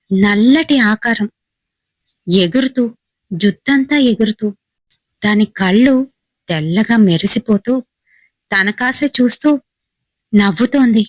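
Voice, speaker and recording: A woman narrating a horror story in a suspenseful, dramatic way, slowing down at scary moments. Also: mid-range voice, dry recording, rough recording.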